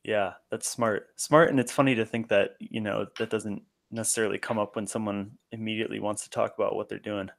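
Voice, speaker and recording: A man's voice: lowish voice, fairly even intonation, a little fast, vocal fry, hardly any pauses. A man hosting an interview, laid-back and chatty, who says "awesome" and "cool" often and asks long, winding questions. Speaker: podcast host.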